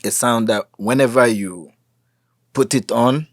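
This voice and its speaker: A young Nigerian man, a musician, chats casually as an interview guest, slipping into Pidgin and saying "you know" a lot. His mid-range voice moves at a measured pace, relaxed throughout. The recording is clean studio sound with no room echo.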